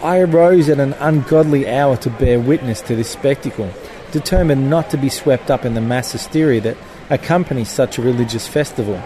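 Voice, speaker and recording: This is satirical scripted narration: a man reading his own column, wry and mock-solemn with a biblical flavor. He speaks a little fast in a mid-range voice over a music bed, and the background is noisy.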